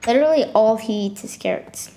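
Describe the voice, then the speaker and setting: A woman's voice: fairly high pitch, brisk, mellow, slight background noise. A woman hosting a gaming channel, giving a casual tour of her game world and stopping often with fillers and self-corrections.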